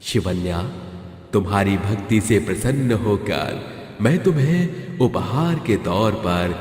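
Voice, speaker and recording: A man as Shiva, slow and solemn. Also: on the low side, lively intonation, a little mellow, roomy sound, big-room sound, pitched below the performer's own voice. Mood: benevolent. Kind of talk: cartoon moral story acting.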